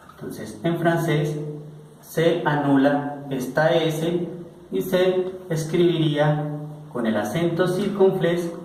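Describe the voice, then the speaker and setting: A man teaching French, speaking slowly and patiently and going over each example word again and again. His voice sits at an ordinary middle pitch. The recording rings with a heavy echo, as if made in a bare room. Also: darkish tone. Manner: slow and patient, repeats each example word several times. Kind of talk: online language lesson.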